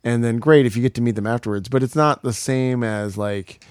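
A man co-hosting a podcast, talking in a relaxed way with many fillers. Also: mid-range voice, brisk, smooth, no room sound, clean studio sound. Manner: relaxed, lots of "like" and "um". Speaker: podcast co-host. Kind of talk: casual chat.

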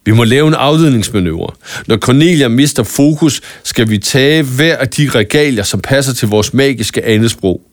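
A man's voice: mid-range voice, expressive, few pauses, no echo, clean studio sound, close to an everyday voice. A man voicing a brave young girl leading her friends in a storybook, speaking in an urgent, earnest way in his own voice.

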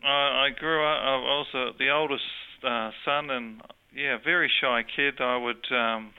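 Here an interview guest recounts his faith in an earnest, conversational testimony, restarting often as he goes. Born in Australia and raised in New Zealand, he has a New Zealand accent and a steady, smooth mid-range voice that moves a little slowly. The sound is phone quality.

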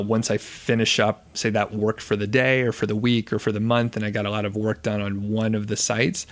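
Guy hosting his podcast solo, lowish voice, chatty and laid back. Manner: casual, self-correcting, chatty. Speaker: podcast host.

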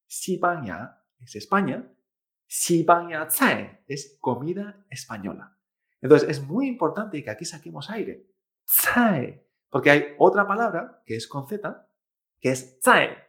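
A man leads an online Chinese pronunciation lesson. His voice sits a little high for a man. He works through each sound with patient repetition and keeps checking that his listeners follow along. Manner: patient, demonstrates sounds repeatedly, checks with "¿eh?" and "¿vale?".

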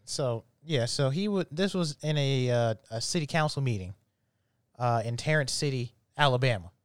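A man's voice: medium pitch, animated, moderate pace, smooth, no room sound, clean studio sound. A man co-hosting a podcast, setting up stories with a few restarts and then giving blunt remarks. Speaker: podcast co-host. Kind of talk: casual news-and-opinion chat.

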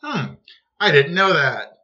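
Man co-host, playful banter, bright edge; slightly muffled mic. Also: on the high side, big pitch swings, takes it slowly. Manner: jokey, playful, teasing. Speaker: podcast co-host. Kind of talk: casual chat. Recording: dull lo-fi sound.

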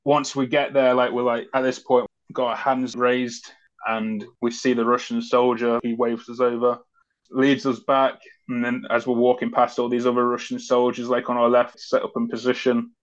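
A man's voice: mid-range voice, level tone, normal speed. A man, a former soldier, recounting events as an interview guest in a loose, conversational way with many fillers. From Britain. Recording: dull lo-fi audio.

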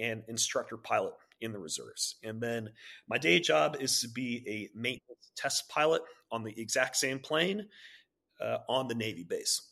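There's vocal fry in this man's mid-range voice as he casually tells an interviewer about his background. He's in his thirties, hails from Maryland and Virginia, flies for the Navy, and often uses fillers and restarts sentences.

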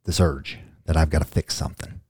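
A man's voice: rumbling low, fairly even intonation, a little fast, darkish tone, husky, no room sound, studio quality. A middle-aged man hosting a podcast in casual chat, rambling and joking off on tangents. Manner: rambling, jokey, goes off on tangents. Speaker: podcast host.

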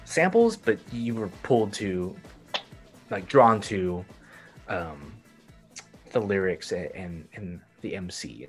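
A man's voice: low-pitched, breathy edge. Rambling man with a Texan accent. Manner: rambling, many fillers and restarts. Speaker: podcast co-host. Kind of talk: casual chat.

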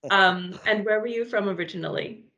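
A woman co-hosting a podcast, asking interview questions with enthusiastic, quick affirmations. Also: medium pitch, sharp tone, dull audio. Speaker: podcast co-host. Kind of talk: casual interview chat.

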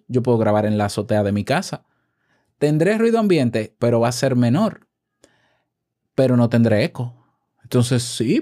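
Speaking at a medium pitch with a dark tone, this podcast host offers relaxed tips from a room in his home. He holds a shotgun mic close, keeps things chatty, and puts questions to his listener.

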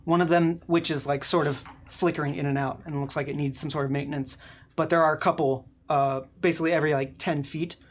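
Lowish-voiced woman running a tabletop game. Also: steady tone, fast talker. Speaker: game master. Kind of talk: improvised tabletop game narration.

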